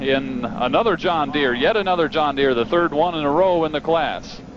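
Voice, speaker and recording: A man's voice: fairly high pitch, moderate pace. A man calling live play-by-play as a tractor pull announcer at an outdoor track. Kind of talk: live sports play-by-play commentary. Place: outdoor track broadcast stand. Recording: dull broadcast audio, loud engine noise.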